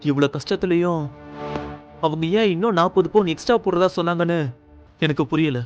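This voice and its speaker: A man's voice: fairly high pitch, fairly quick, dull audio, lightly acted. An actor playing a dejected young man protesting to his mother. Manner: weary, protesting. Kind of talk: TV serial acting. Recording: with background music.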